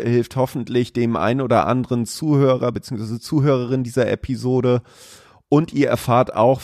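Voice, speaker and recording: A man's voice: mid-range voice, a little mellow, dry recording, clean studio sound. A man hosting a podcast in a casual, informal conversational way. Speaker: podcast host.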